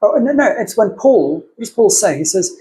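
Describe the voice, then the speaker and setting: A co-host chatting casually about theology on a podcast, voice sitting at an everyday middle pitch. The delivery wanders and thinks aloud, often stepping into the voices of opposing arguments. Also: very animated, normal speed, mellow, rough recording.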